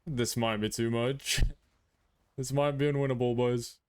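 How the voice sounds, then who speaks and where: A man streaming a game, chatting casually and blurting out excited reactions. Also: mid-range voice, unhurried, clear, resonant tone, dry recording. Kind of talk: casual live-stream chat.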